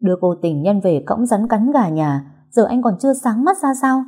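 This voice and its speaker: A woman voicing a frightened young woman who pleads and shouts tearfully in an audio story. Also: medium pitch, sing-song, moderate pace, slightly rough, pitched above the performer's own voice. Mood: angry.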